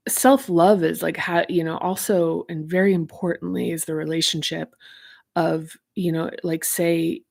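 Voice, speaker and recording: A woman with a lowish, gravelly, slightly mellow voice speaks unhurriedly and flatly. A self-help author, she rambles loosely through ideas from her own book, searching for words and leaning heavily on fillers.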